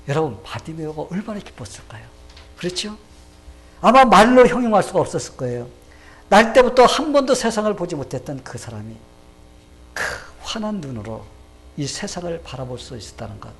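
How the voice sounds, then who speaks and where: Animated Korean pastor preaching a sermon. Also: male voice, a little high. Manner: animated storytelling, asks the congregation questions, acts out shouts.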